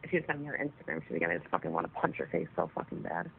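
On a noisy, narrowband jail phone line, a woman caller chats casually, swearing often. Her voice is extremely low and creaky, with a sing-song lilt, and she speaks very fast.

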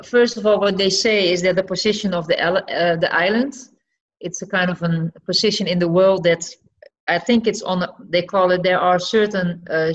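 A middle-aged woman from Friesland whose first language is Frisian, speaking in a casual video-call interview with hesitant, thoughtful pauses and many fillers. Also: on the low side. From Friesland, Netherlands. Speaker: guest artist. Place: home living room. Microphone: laptop on a video call. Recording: dull lo-fi video-call audio.

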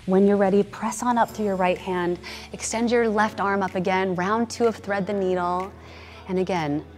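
A woman's voice: medium pitch, darkish tone. A woman in her thirties leads a yoga class with a mid-range voice and upbeat, encouraging cues. She is recorded indoors in a large gym studio. Faint music plays under her. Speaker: fitness trainer. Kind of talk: guided yoga instruction.

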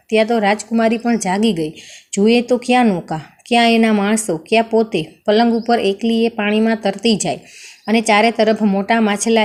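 A woman's voice: mid-range voice, darkish tone. A woman reading a folk tale aloud, expressively voicing the characters' lines. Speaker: storyteller.

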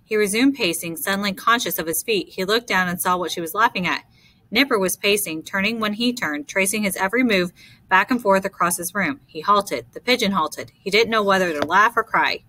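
A woman narrating a novel chapter for an audiobook in steady, measured storytelling. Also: medium pitch. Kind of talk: scripted narration.

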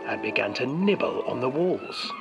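A man reading a dark fairy tale as a storybook narrator in a game, in a measured, theatrical delivery. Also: medium pitch, wildly swooping pitch, gravelly, muffled recording. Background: music.

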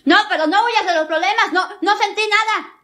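A woman playing a blunt, sarcastic young woman who mocks and brushes off her admirer with quick retorts. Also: very high voice. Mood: mocking. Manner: sharp, mocking, quick retorts.

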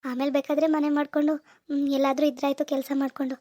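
A woman's voice: high voice, little pitch movement, fast, warm tone, lightly acted. A woman voicing a worried, regretful young husband in a cartoon. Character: remorseful young husband Satish.

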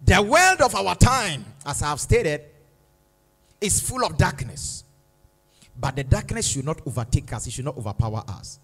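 A man preaching a sermon in a church, slow and emphatic, repeating lines for dramatic weight. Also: fairly high pitch, very animated, a bit bright, breathy edge. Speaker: pastor.

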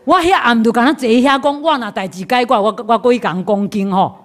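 A woman's voice: on the high side, fast. Chatty Taiwanese woman telling a story. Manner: lively anecdotal telling, laughs, repeats herself, asks "you know?". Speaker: Buddhist lecturer. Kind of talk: storytelling sermon.

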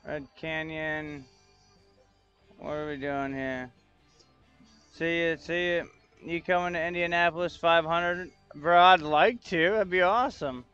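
In a casual livestream, a frustrated man talks to chat and thinks out loud while fixing technical glitches. His fairly high voice is pushed, bright and clean, and unhurried. The audio is dull, and faint music can be heard behind him.

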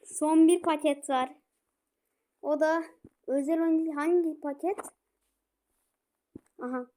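A woman playing a football video game, commenting and shouting at her players. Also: high voice, fairly even intonation, slow pace, a little hiss or hum. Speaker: gaming streamer.

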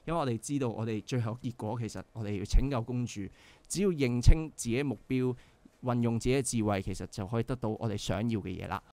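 In a casual studio interview, this young band member speaks fast in a mid-range, slightly mellow voice. His Hong Kong Cantonese accent comes through as he earnestly explains himself, dotting his speech with fillers.

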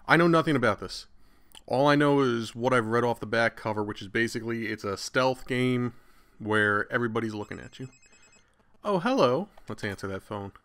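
Man, gaming commentary, bright tense voice, chatty, irreverent, swears. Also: medium pitch, brisk. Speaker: gaming channel host. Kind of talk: casual game commentary.

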